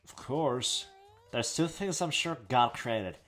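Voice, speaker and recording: A bubbly teenage girl athlete, voiced by a man reading a game's text. She chirps her lines a little louder than plain talk, over faint game music. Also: medium pitch, lively intonation, slow. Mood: upbeat. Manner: reading game dialogue aloud, slightly louder.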